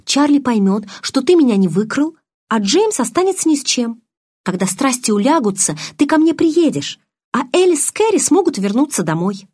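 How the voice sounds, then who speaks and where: A woman's voice: high-pitched, sing-song, moderate pace, darkish tone, breathy edge, voice pushed up, heavily acted. A woman reading an audiobook, voicing an anxious, insistent teenage girl who argues and pleads. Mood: persuasive. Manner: pleading, argumentative.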